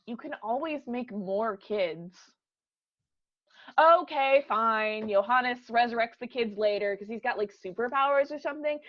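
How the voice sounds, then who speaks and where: A woman's voice: on the high side, lightly acted. A woman playing an offhand, self-assured fairy tale narrator in a comic stage play. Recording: dull, lo-fi audio.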